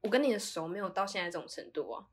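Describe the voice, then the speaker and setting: A woman co-hosting a casual chat podcast, telling a story with lively acted-out quotes. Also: mid-range voice, rapid-fire, husky. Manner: animated storytelling, acts out her own quoted lines. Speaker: podcast co-host.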